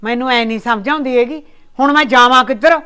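A woman's voice: a little high, fast talker, pushed and bright, clean tone. A woman playing an elderly village mother in a comedy drama, speaking with a Malwai Punjabi accent, insistent and defensive. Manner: insistent, exclaiming, coaxing with her sons.

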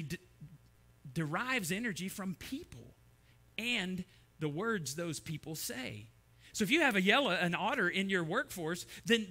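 A middle-aged man preaches from a church sanctuary in a high-pitched, pushed, bright voice. This pastor's sermon is built on storytelling, with the voices in his anecdotes acted out.

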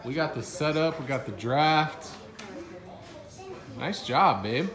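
A man's voice: on the high side, slow pace, echoey room, a crowd in the background. A man joking with his wife and child in laid-back family banter, with dishes clattering in the background. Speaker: husband. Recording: dishes and cutlery clatter behind.

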